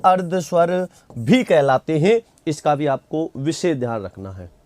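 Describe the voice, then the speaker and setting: A man teaches an online grammar class in a fairly high voice. He asks questions and answers them himself, and he repeats key terms and reads out viewer comments as he goes. The sound is dry and close. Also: lively intonation, unhurried, a little mellow, no echo.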